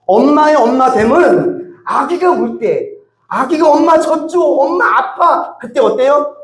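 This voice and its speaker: A high-voiced male pastor preaching in an echoey church, his pitch swinging widely. He acts out pleading prayers as he goes, in a lively, animated way. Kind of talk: sermon. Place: church sanctuary.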